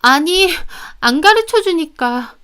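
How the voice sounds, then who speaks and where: A woman's voice: very high voice, animated, slow pace, a bit bright, voice pushed up, full character voice. A woman voicing a stubborn young sister-in-law who talks back defensively. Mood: sulky.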